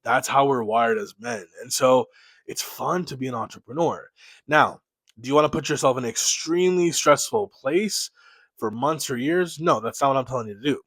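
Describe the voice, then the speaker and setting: A man with a cold-stuffed, nasal voice coaches viewers on going into business for themselves, blunt and full of swearing. His pitch sits in an ordinary middle range. The sound is dry and close, with no room echo. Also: moderate pace, fairly bright tone, breathy edge. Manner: blunt, swears freely, pep-talk energy. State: has a cold. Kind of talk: motivational vlog talk.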